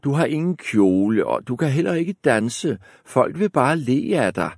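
A man's voice: mid-range voice, big pitch swings, darkish tone, no room sound, studio quality, voice pushed up. A man voicing a stern, dismissive stepmother in a fairy tale, speaking curtly and scolding. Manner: scolding, curt.

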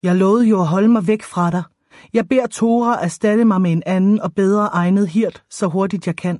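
A woman voicing a brooding young male warrior bodyguard in a storybook reading, speaking in a low, restrained, guarded way. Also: steady tone, warm tone, dry recording, studio quality, close to an everyday voice.

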